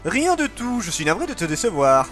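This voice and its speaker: A man's voice: sits high, huge pitch swings, fairly quick, fairly bright tone, soft background music, full character voice. A man voicing a determined young male swordsman in a video game in his own plain, earnest voice.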